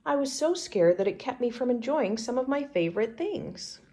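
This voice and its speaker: A woman reading a picture book aloud to children in an expressive storybook style, like a teacher. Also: fairly high pitch. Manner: pauses to ask children questions.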